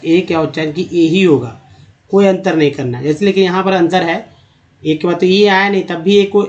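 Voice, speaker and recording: A man teaching English pronunciation to Hindi speakers, spelling out words and repeating each one slowly while quizzing the viewer. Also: sits high, darkish tone. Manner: repeats each word slowly, drilling vowel sounds; addresses viewers as friends, asks rhetorical questions. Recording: dull lo-fi recording.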